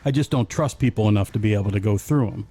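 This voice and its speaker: A man's voice: on the low side, fast talker, dark tone. A man co-hosting a casual podcast, joking and rambling, listing things off on a webcam. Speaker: podcast co-host. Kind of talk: casual chat. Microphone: webcam setup.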